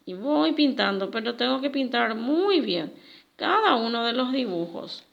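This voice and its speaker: A woman's voice: on the high side, big pitch swings, measured pace, vocal fry, lo-fi sound. A woman teacher giving a recorded language lesson for children, carefully repeating each new word. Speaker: Guaraní teacher.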